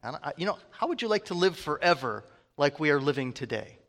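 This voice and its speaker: A man delivering a sermon in a conversational way, pausing to put questions to his listeners. His voice sits a little on the high side. The sound carries a long reverb from a large hall. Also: big pitch swings, gravelly, a bit bright. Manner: conversational preaching, asks the congregation questions. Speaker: preacher.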